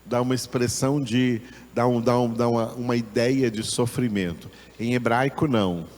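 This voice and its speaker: A man with a Brazilian Portuguese accent teaching a Bible lesson, slow and deliberate, repeating words as he explains them. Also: medium pitch, fairly even intonation, a little mellow, in a large hall.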